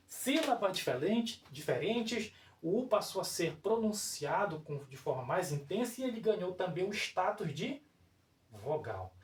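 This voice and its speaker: A teacher with a Brazilian Portuguese accent giving a whiteboard grammar lesson, explaining step by step and often checking in with the viewers. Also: mid-range voice. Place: room with a whiteboard. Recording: roomy echo, voice far from mic.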